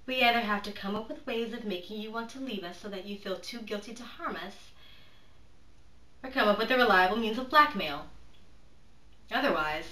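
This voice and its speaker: An actress performs a proud, calculating noblewoman in a dramatic monologue. Her voice is bright and forceful, and she weighs each phrase with pauses and sudden hushed drops. The recording is echoey and set back from the microphone. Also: mid-range voice, lightly acted. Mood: bitter, defiant. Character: proud, calculating aristocratic woman, cunning and defiant. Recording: roomy echo, distant microphone.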